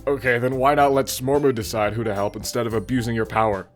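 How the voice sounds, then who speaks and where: Brief: man playing a bratty teen girl, loud and snappy, mid pitch, soft music behind. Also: level tone, quick pace, close to an everyday voice. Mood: annoyed. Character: feisty short-tempered teen girl. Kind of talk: reading game dialogue aloud.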